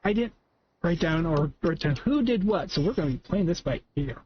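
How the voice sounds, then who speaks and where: A male streamer tossing off offhand jokes during gameplay. His fairly high voice comes over dull lo-fi stream audio. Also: expressive, moderate pace, slight background noise. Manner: offhand, joking asides. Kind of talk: casual gameplay commentary.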